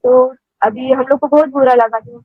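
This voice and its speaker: Husky high-voiced woman over a phone line. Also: fairly even intonation, normal speed, dry recording. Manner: rambling, many hesitations. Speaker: caller. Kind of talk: casual phone-in storytelling.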